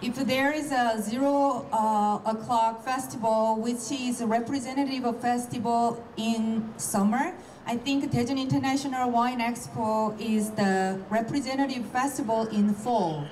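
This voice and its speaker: A woman interpreting speeches into English at a ceremony, slow and hesitant with fillers. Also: on the high side, steady tone, a little mellow, a little hiss or hum. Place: outdoor opening ceremony. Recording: distant public address with music.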